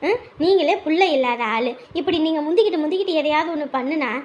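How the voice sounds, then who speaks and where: A woman's voice: sits high, animated, fast talker. An actress playing a suspicious widowed mother who scolds her sister-in-law in a family drama. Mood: accusing. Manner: scolding, accusing.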